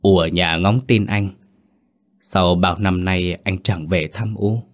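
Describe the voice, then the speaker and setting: An old woman mourns her brother, hoarse and tearful, as a male narrator reads her lines. The voice stays low and plain. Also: fairly even intonation, slow pace. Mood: grieving. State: crying, hoarse. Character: elderly woman, tearful grieving sister.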